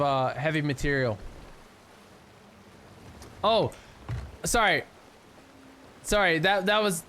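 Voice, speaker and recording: A man's voice: high voice, fairly bright tone, slight background noise. A man livestreaming casually, muttering as he works and talking to his viewers. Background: faint music.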